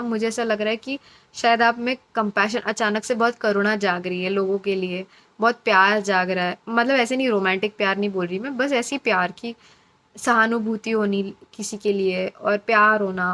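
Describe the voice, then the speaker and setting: Woman doing a spiritual reading, fairly high voice, chatty and encouraging, repeats herself a lot. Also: fairly bright tone. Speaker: intuitive card reader. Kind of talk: casual spiritual reading to viewers.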